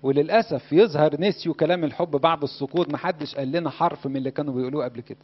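A man with an Egyptian Arabic accent delivers a sermon at a brisk clip, his voice sitting a little high. He talks in a chatty way and keeps turning questions on his listeners. The recording sounds dull and lo-fi. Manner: conversational, asks the audience questions. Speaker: Coptic preacher.

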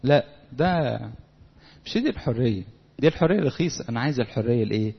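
A man's voice: medium pitch, quick pace, vocal fry, breathy edge. A man with an Egyptian Arabic accent preaching a sermon to young people, talking conversationally and acting out little dialogues. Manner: lively, conversational, acts out quotes. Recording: lo-fi recording in a reverberant hall.

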